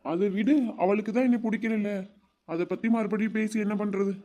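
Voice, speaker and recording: A man's voice: high-pitched, fairly even intonation, normal speed, dark tone, natural voice. A man voicing a heartbroken, earnest young village man in a cartoon, pleading and sincere. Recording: dull lo-fi sound.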